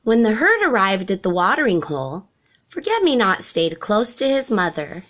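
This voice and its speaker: A woman reads a children's storybook aloud, narrating expressively in a medium-pitched voice at normal speed.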